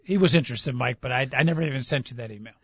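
A man's voice: mid-range voice, racing, breathy edge, no echo. A man hosting sports talk radio with casual banter, rambling along in a wry, joking way. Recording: dull, band-limited radio audio.

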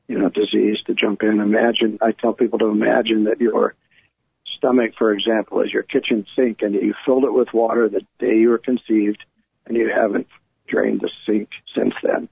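Gravelly, low-voiced man on a phone-like line. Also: dry recording. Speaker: guest energy healer leading a guided relaxation. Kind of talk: spoken guided meditation with casual explanation. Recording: thin, phone-like narrow-band sound.

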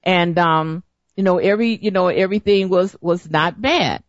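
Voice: mid-range voice, moderate pace, dry recording. A middle-aged host on a talk broadcast, rambling and searching for words as they speak. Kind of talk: casual radio talk. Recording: dull lo-fi recording.

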